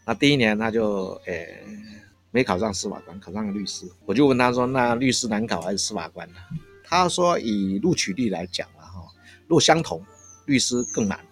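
A man's voice: fairly low pitch, lively intonation, fairly quick, faint music behind. Chuckling man in his sixties. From Taiwan. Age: 60s. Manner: chatty, chuckles often between phrases. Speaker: café owner, interviewee. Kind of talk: casual storytelling interview. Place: countryside coffee shop. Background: faint jazz from shop speakers.

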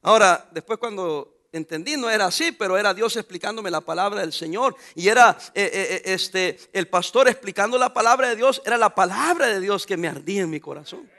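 High bright voice, preacher guy, fired-up sermon, keeps asking the brothers questions. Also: lively intonation, brisk, few pauses. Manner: fervent, addresses listeners as brothers with questions.

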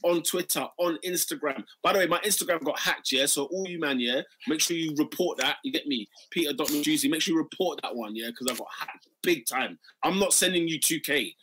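London roadman-accented man, bright forceful voice. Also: a little high, a little fast, hardly any pauses, slight background noise, low-quality recording. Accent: London, urban roadman slang style. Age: 30s. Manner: slangy street-style talk, repeats phrases. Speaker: podcast host and DJ. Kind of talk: casual football podcast banter.

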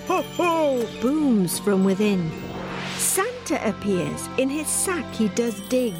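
Woman narrator, children's audiobook, high lively voice, slow, close studio mic. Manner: expressive, shifting voices.

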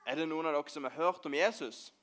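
A man's voice: fairly high pitch, fairly bright tone, close to an everyday voice. A man playing old Josef in a children's church skit, rambling and hesitant as he searches for words. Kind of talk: children's church role-play.

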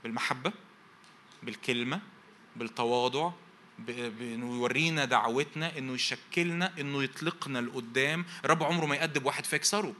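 A man with an Egyptian accent delivers a sermon at a breakneck pace, his bright, forceful voice driving through repeated lists. He keeps tossing rhetorical questions to the congregation so they finish the verses. A faint hum sits behind him. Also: mid-range voice. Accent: Egyptian Arabic. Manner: repeats phrases in rapid parallel lists. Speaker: pastor.

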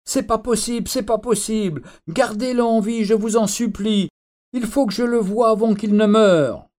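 A man's voice: high-pitched, moderate pace, a little mellow, lightly acted. A man voicing a distraught grown daughter who pleads through sobs, in a read-aloud story. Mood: pleading. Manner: pleading, sobbing.

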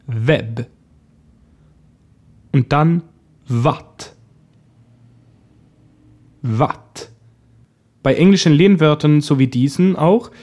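A man narrating a scripted language lesson in a calm, clear, explaining manner. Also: a little high. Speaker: language teacher.

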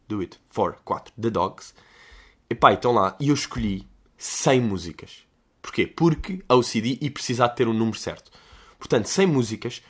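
A man with a European Portuguese accent talks through listener questions on his podcast, loose and full of slang. He rambles from point to point with a joking edge, at an everyday pitch. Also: a bit bright. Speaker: podcast host. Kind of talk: casual monologue answering listener questions.

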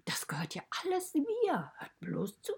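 Lady doing a stuck-up kitty princess, bossy, kinda gravelly. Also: high-pitched, wildly swooping pitch, measured pace, voice pushed up, full character voice. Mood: haughty. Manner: haughty, demanding. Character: vain bossy female cat, self-styled princess. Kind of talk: children's podcast storytelling.

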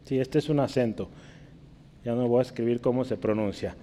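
A man teaching a Bible class in Spanish, checking in with his listeners and spelling out Greek words slowly. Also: mid-range voice, dark tone, in a large hall. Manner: checks in with listeners, asking "¿verdad?" and "¿sí?".

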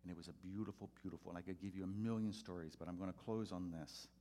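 A man preaching a sermon as a pastor, telling a personal story and loudly acting out the voices in it. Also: low voice, quick pace, a little hiss or hum. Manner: animated, acts out voices loudly in quotes.

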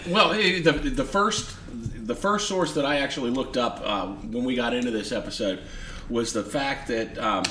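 A middle-aged male podcast guest talks in a casual, conversational way at a medium pitch. The room echoes around him and there is faint noise. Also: moderate pace, bright, forceful tone. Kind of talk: casual chat. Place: kitchen. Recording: roomy, faintly noisy.

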